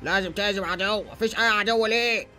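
Brief: bright, fast, blustering Egyptian father figure in a game movie, played by a man. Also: high voice, steady tone, faint music behind. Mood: bossy. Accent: Egyptian Arabic. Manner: bossy, blustering, bright-toned. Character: fire Sonic dad, bossy threatening man.

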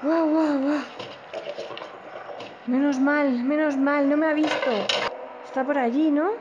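Excitable high-voiced woman with Spain accent. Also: slow, lo-fi sound, noisy background. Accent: Spain Spanish. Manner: excitable, nervous, shrieks and gasps. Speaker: VR game reviewer. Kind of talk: live reaction while playing a VR experience.

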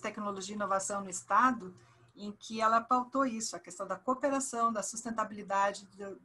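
Bright-voiced older woman moderating a webinar. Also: mid-range voice, slight background noise. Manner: thankful, brisk handover.

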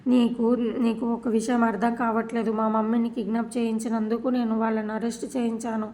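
A woman voicing an angry young granddaughter who shouts accusations at her family. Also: a little high, completely flat delivery, a little fast, lightly acted. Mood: angry, accusing.

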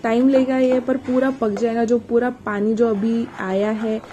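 A woman's voice: a little high, flat delivery, unhurried, dark tone. Chatty woman teaching a home recipe. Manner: chatty, explains each step while stirring. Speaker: cooking channel host. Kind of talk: casual cooking tutorial. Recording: noisy kitchen with frying sizzle.

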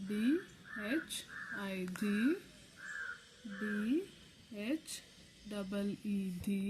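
Kannada-accented woman teacher, spells out letters one by one super slow, faint hiss behind. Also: medium pitch. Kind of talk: slow alphabet lesson.

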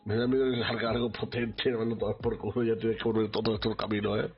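Excitable Spanish man streaming a game. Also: fairly low pitch, fast, highs cut off, soft background music. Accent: Spain Spanish. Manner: excitable, talks to chat. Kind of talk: live gameplay commentary.

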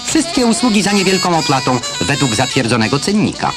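A man narrating a 1970s newsreel voice-over, crisp and declamatory commentary read over footage. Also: a little high, sing-song, a little fast. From Poland. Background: loud film score music.

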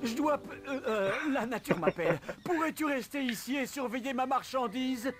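A courteous village trader. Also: male voice, very high voice, normal speed, a bit bright, soft background music. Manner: courteous, formal. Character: polite fussy male village trader in a fantasy game.

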